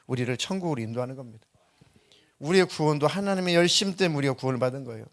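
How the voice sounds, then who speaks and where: A man's voice: fairly high pitch, fairly bright tone. A male pastor preaching a Sunday sermon in a church, emphatic and full of rhetorical questions. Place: church sanctuary.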